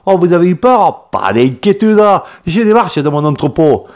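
A man's voice: fairly high pitch, big pitch swings, normal speed, a little mellow, lo-fi sound, voice pushed up. A man voicing a brash, plump farmer from the south of France with a strong southern French accent and a boisterous way of exclaiming.

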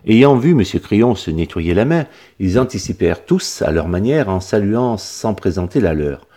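A man reading a humorous story aloud in a lively, expressive way. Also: on the low side, normal speed. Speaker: narrator.

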